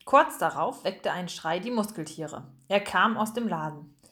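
A woman narrating a children's audiobook in a calm, even storytelling manner. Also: fairly low pitch, unhurried.

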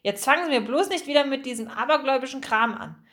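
Storybook part: a firm, stern old shop owner, voiced by a woman reader, voice sitting a bit high. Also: lively intonation, fast, fairly bright tone. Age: older.

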